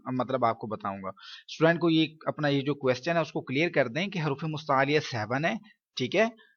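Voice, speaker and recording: A man's voice: a little high, fairly bright tone, lo-fi sound. A man teaching Quran reading to other teachers, explaining step by step, checking in often and asking rhetorical questions. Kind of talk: instructional lesson for teachers.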